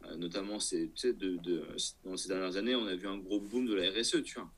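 A man's voice: low voice, fairly even intonation, fast talker, fairly bright tone, husky. A man talking casually in an interview as an entrepreneur, hesitating and thinking aloud, often checking that the listener follows. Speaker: entrepreneur guest.

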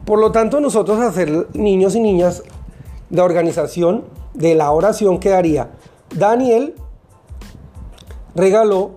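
A teacher gives a recorded lesson for children, speaking in a patient, deliberate way and spelling out each step. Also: medium pitch, mellow, soft background music.

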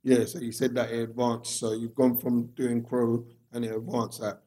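A man of medium pitch with a very mellow, dark tone speaks in a South London accent. He interviews in a casual, chatty way, using street slang. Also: completely flat delivery, normal speed.

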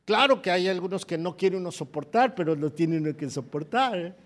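A man's voice: high-pitched, expressive, brisk. A man preaching a sermon, asking his listeners questions and reading scripture aloud with force. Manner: asks the congregation direct questions.

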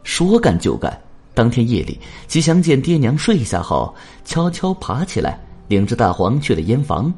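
A man's voice: mid-range voice, wildly swooping pitch, normal speed, a little mellow, breathy edge. A man narrating a story expressively, shifting into voices for the characters.

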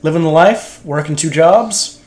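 A man's voice: a little high, a little slow, a little mellow. A Canadian man co-hosting a casual podcast with friends, teasing and laughing often. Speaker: podcast co-host. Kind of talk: casual chat.

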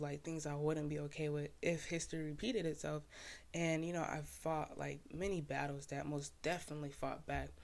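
A young Haitian podcast host and poet casually explains his own poem in a fairly high, creaky voice. His laid-back slang is packed with "like" fillers.

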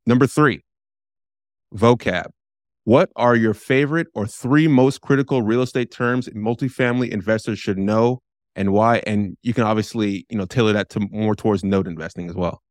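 A man's voice: fairly low pitch, normal speed, dry recording, studio quality. A man co-hosting a podcast interview, talking in a loose, rambling way with many restarts. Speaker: podcast co-host.

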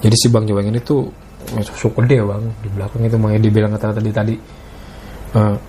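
A man tells a story in casual slang, acting out what each person said. His voice is mellow and dark, with faint noise behind it. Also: lowish voice, little pitch movement, fast. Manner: retells dialogue, often adds "Bang" and "gitu"; Jakarta slang. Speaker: guest telling a story.

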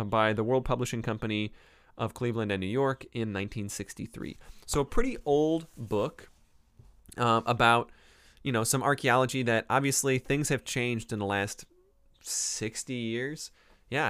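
A man's voice: mid-range voice, fairly bright tone, no room sound. A man hosting a casual book review podcast as an anthropology professor, chatty and digressive with frequent ums and uhs, recorded live from his home library.

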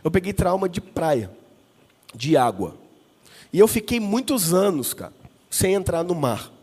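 Animated male pastor, high lively voice. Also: unhurried, slightly rough. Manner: animated, acts out dialogue with voices. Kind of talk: sermon with storytelling. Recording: long reverb.

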